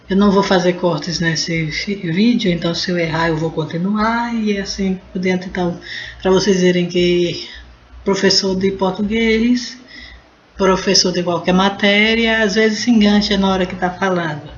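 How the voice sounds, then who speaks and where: A Brazilian woman teaching Portuguese in a casual video lesson, talking in a chatty way and stopping to explain and fix words as she goes. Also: fairly low pitch. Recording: roomy, dull and slightly noisy.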